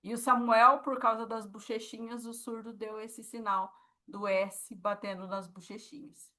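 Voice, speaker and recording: A woman's voice: on the high side, little pitch movement, measured pace, bright, forceful tone. A woman with a Brazilian Portuguese accent teaching a sign language class, explaining patiently and checking in with her students often.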